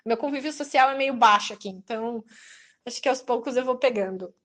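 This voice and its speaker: A young adult woman with a Brazilian accent, hosting a podcast in a chatty, lively way and acting out the people she quotes. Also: fairly high pitch, a little fast. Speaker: podcast host. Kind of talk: casual chat.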